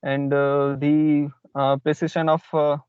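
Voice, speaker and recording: A man's voice: on the high side, completely flat delivery, measured pace, smooth. A man with an Indian accent introducing himself in an online class as a research student, hesitant and deferential. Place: in a car outside a hospital. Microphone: online call. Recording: dull lo-fi online call audio.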